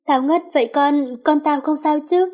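A frightened young pregnant wife asks anxious, tearful questions, as a woman narrator puts her on. The voice sits high and pushes a little louder than the narration. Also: fairly even intonation, moderate pace, lightly acted.

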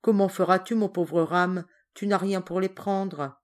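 A woman voicing a gentle, soft-hearted little girl who speaks earnestly and pleads. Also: fairly low pitch, steady tone, measured pace, close to an everyday voice. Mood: pleading.

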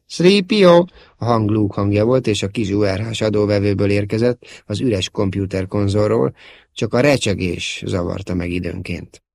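A man giving a steady, dramatic audiobook narration. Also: on the low side, vocal fry, no room sound. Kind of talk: scripted narration.

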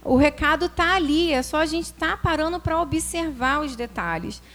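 A woman, a preschool teacher, telling a personal classroom story in an animated way, acting out quoted voices and using religious phrasing. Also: high-pitched, normal speed. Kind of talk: personal testimony talk.

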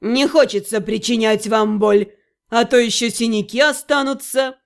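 A woman's voice: on the high side, gravelly, voice pushed down. A woman voicing a drunk, arrogant young prince who drawls and sneers menacingly. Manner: slow, drawn-out, sneering.

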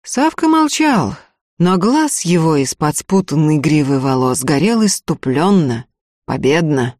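A woman narrating an audiobook with expressive storytelling. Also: low-pitched, unhurried, dry recording, studio quality.

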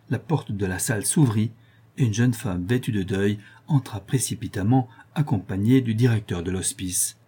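A man reading a classic novel aloud as an audiobook narrator, in a measured way. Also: on the low side, warm tone, husky. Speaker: audiobook reader. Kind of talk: scripted narration.

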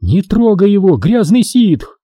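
A man reading an audiobook, voicing a defiant captive native woman warrior who shouts back at her captors. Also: sits high, wildly swooping pitch, normal speed, husky, no echo, studio quality, pitched above the performer's own voice, heavily acted.

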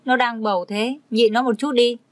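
A woman voicing a gentle, protective older mother-in-law who soothes and pleads. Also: fairly high pitch, fairly even intonation, normal speed, dry recording, voice pushed up, close to an everyday voice. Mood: soothing.

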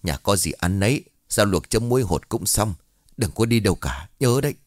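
Weary old village chief, scared but dutiful, low hushed delivery, read by the narrator, ghost-story audio. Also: male voice, expressive, moderate pace, no room sound, clean studio sound, close to an everyday voice. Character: older village head, frightened but dutiful.

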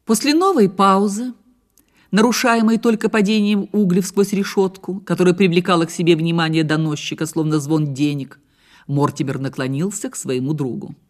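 A man's voice: sits high, steady tone, normal speed. Man narrating a literary story.

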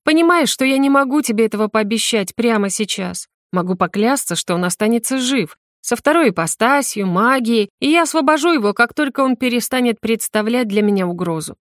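A woman's voice: a little high, lively intonation, a little fast, few pauses, no echo, studio quality, pitched above the performer's own voice, natural voice. A woman playing a silky scheming witch queen. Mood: condescending. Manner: silky, condescending, impatient. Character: scheming powerful female witch leader.

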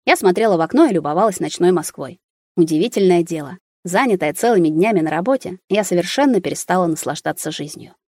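Woman narrating an audiobook, low and dry. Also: lively intonation, fast talker, darkish tone, no room sound. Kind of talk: first-person audiobook narration.

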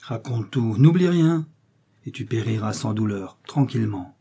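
A burly, brutal captain snarls his threats in a warm, husky voice, as a male reader puts him on. He sneers at his captive with cold menace, a figure straight out of a storybook adventure. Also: lowish voice, lively intonation, normal speed. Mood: menacing.

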